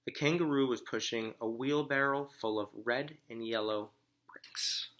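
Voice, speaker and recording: Reading a story to children like a teacher, a man speaks deliberately and simply, stopping now and then to check their understanding with questions. His voice sits at a medium pitch and sounds a bit bright.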